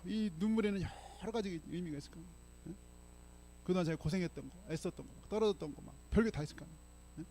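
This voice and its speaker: A man's voice: high voice, rapid-fire, warm tone, a little hiss or hum. An older man preaching a sermon as pastor, telling stories in a chatty way and often checking in with the congregation. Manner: conversational storytelling, frequent "예?" to congregation. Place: church sanctuary.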